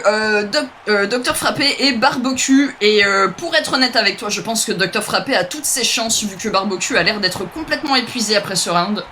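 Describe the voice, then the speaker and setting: A man's voice: high voice, normal speed, hardly any pauses, bright, forceful tone, slight background noise. A young man co-hosting a live stream, calling the action with mock-dramatic jokes. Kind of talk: playful live commentary.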